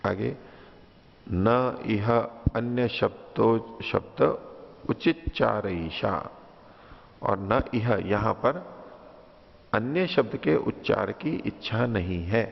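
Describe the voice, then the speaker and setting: A man's voice: lowish voice, slow, vocal fry. A man lecturing on scripture line by line, reciting each verse and then explaining it with patient repetition. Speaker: teacher of philosophy. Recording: dull lo-fi recording in a reverberant hall.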